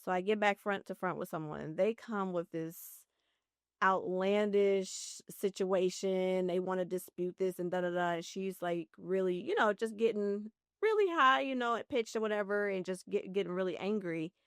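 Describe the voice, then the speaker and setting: A woman hosting a podcast, telling a personal story in a lively, animated way. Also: medium pitch, normal speed, smooth, no room sound, studio quality. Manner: animated storytelling, acts out her own panic. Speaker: podcast host. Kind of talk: casual podcast conversation.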